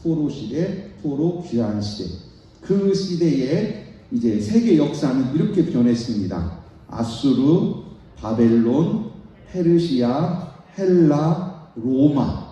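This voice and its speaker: A middle-aged man, a pastor, teaching a Bible lesson in a sermon, reading out lists slowly and with emphasis, recorded in a church. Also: on the high side, sing-song, warm tone. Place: church sanctuary. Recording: very echoey hall, voice from a distance.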